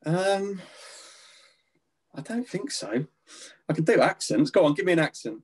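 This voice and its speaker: Husky guy, guest actor on a podcast, chatty and laughing at himself. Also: sits high, sing-song, a little slow. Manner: self-deprecating, laughing. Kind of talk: casual podcast chat.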